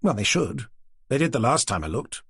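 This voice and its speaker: A woman's voice: a bass voice, big pitch swings, moderate pace, vocal fry, slightly rough, dry recording, clean studio sound, exaggerated voice. A man voicing a cheerful pregnant woman chatting on the phone, in a chatty, teasing manner.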